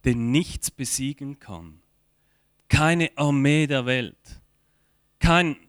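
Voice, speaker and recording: A man preaching a sermon, slow and earnest, rising in emphasis at key points. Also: mid-range voice, a bit bright, clear, resonant tone, no echo, studio quality.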